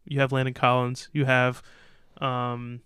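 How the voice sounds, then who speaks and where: A man's voice: medium pitch, monotone, measured pace, sharp tone, clean tone, dry recording, clean studio sound. A man co-hosting a casual sports podcast, reading out draft picks and giving loose, opinionated takes. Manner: opinionated, loose, reads out picks then riffs. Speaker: podcast co-host.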